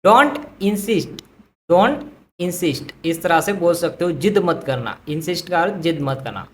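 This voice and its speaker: A woman teaching English vocabulary who says each phrase slowly twice and then explains it in Hindi. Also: lowish voice, animated, slight background noise. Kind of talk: vocabulary lesson.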